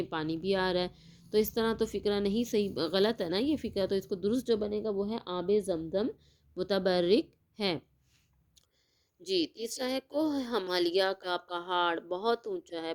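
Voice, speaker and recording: A woman teaches a recorded lesson in a smooth, resonant voice of middling pitch. She asks the class questions, answers them herself, and draws words out slowly when she spells them. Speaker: school teacher.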